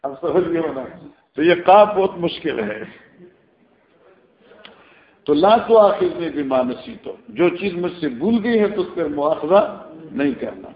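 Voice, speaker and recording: Pakistani male teacher, fairly high voice, explains line by line with anecdotes, dull recording. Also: expressive, pauses often, roomy sound. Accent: Pakistani Urdu. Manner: explains Arabic text line by line in Urdu, with storytelling asides. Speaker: hadith teacher. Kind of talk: classroom lecture on scripture.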